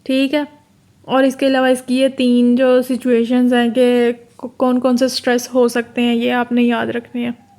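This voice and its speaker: Pakistani woman tutor, flat and high. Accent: Pakistani Urdu. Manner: casual, explains step by step, reads English terms slowly. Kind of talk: exam-prep lecture.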